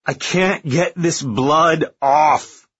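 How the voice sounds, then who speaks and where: An actor playing a terrified young lieutenant trapped on a stricken spaceship in an audio drama, halting, shaky and despairing. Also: male voice, mid-range voice, steady tone, slightly rough, highs cut off. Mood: panicked.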